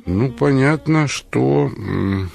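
Low raspy guy on radio, hesitant, lots of ums, swoopy intonation. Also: expressive, darkish tone, faint music behind. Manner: thoughtful, hesitant with pauses and fillers. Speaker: radio host, psychologist. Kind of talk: radio commentary.

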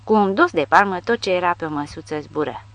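Low-voiced woman narrating an audiobook. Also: lively intonation, no echo.

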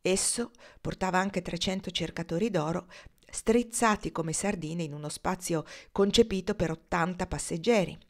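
A woman reading a novel aloud, lifting her voice for the characters' lines. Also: lowish voice. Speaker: audiobook reader.

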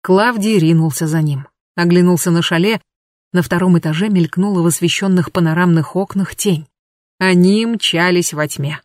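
A woman narrating an audiobook in a measured, expressive reading. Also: lowish voice, no room sound, clean studio sound. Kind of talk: scripted narration.

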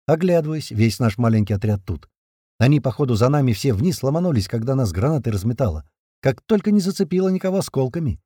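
A man's voice: mid-range voice, very animated, fast talker, warm tone, slightly rough, dry recording, studio quality. A man narrating a first-person action audiobook in a terse, punchy, slangy manner.

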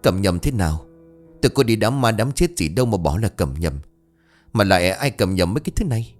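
A man doing a hushed, worried village wife. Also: fairly low pitch, big pitch swings, a little fast, soft background music. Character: frightened hushed village wife selling noodles.

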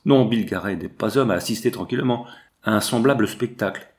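Brief: desperate young hunter in an audiobook, urgent and earnest, read by a male narrator, low-set voice. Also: fairly quick, natural voice. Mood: defiant.

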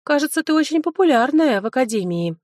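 A woman doing a high, excitable young girlfriend. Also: fast talker, no room sound, studio quality. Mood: eager.

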